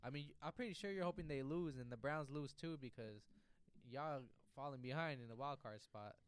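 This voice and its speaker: A man's voice: medium pitch, brisk, smooth. A man co-hosting a sports podcast in loose, profane, joking banter. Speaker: podcast co-host. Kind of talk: casual sports chat.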